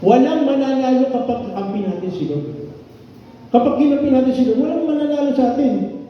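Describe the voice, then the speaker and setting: An older man preaches a Sunday sermon conversationally in a church hall, frequently asking the congregation questions. His voice is very high-pitched and a little fast, with slight hiss or hum, and the recording sounds echoey, dull, and distant.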